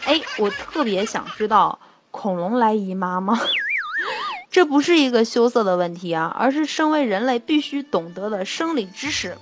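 A woman's voice: fairly high pitch, very animated, normal speed, noisy background. A young woman hosting a light, joking talk show, chatting playfully and laughing at her own jokes. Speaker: host. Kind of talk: light comic monologue.

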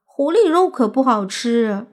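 A woman's voice: on the high side, animated, unhurried, voice pushed up. A woman voicing a playful, cute young female fox spirit in a coy, sweet, bubbly way. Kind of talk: audiobook character voice.

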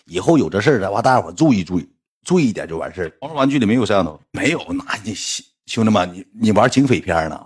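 A man with a Northeastern Chinese accent casually telling stories to his livestream viewers and acting out the voices of the people in them. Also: slightly rough. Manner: animated, acts out quoted voices with big pitch jumps.

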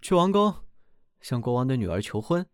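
A man's voice: mid-range voice, very animated, fast, darkish tone, clean tone, dry recording, studio quality. A man voicing two proud young brothers who mock and sneer in a storybook reading. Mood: scornful. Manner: scornful, sneering.

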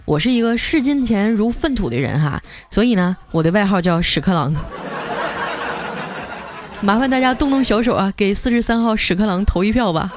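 A woman's voice: medium pitch, expressive, normal speed, noisy background. Chatty woman. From Northeast China. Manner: chatty, joking and playful. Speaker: podcast host. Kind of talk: comic storytelling podcast. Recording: music bed under the voice.

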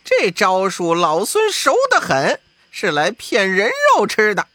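Female voice actor as a teasing monkey king, swooping and lively, in a storybook drama. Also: mid-range voice, a little slow, no room sound, full character voice. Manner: chuckling, teasing. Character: cheeky, laughing monkey king, young male hero.

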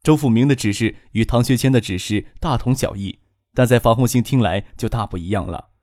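A man narrating an audiobook in an expressive storytelling way, recorded close to the mic. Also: mid-range voice, a little fast, no echo.

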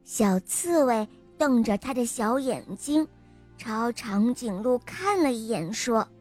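Woman storyteller, high voice, gentle, children's bedtime story narration, faint music underneath. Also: lively intonation, takes it slowly. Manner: gentle, addresses children directly.

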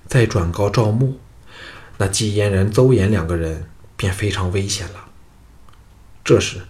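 A man narrating a historical novel as an audiobook, in a steady storytelling way. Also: fairly low pitch.

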